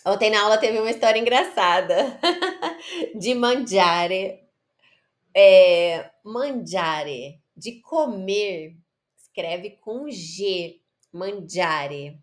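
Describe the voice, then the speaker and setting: Slow, patient woman teaching Italian. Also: mid-range voice, lively intonation. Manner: explains Italian words in Portuguese, repeats and corrects pronunciation. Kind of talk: online language lesson.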